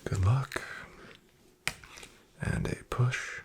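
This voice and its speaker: A man takes on the role of a guarded, disreputable card dealer in a soft-spoken ASMR piece. His half-whispered, clipped patter moves unhurriedly with a gravelly creak, and his manner is cool and businesslike.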